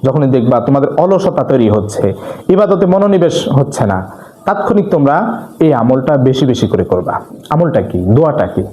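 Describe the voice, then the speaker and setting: Man preacher, earnest exhorting tone, mellow fairly high voice, echoey room. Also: sing-song. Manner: earnest, exhorting, reciting Arabic supplications slowly. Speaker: Islamic preacher. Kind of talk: religious talk.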